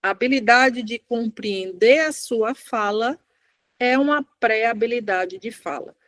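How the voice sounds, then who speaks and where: A woman's voice: a little high, a little slow, no room sound. Emphatic Brazilian woman speech therapist. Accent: Brazilian Portuguese. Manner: emphatic, repeats key phrases, acts out parents' quotes. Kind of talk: direct-to-camera parenting lesson.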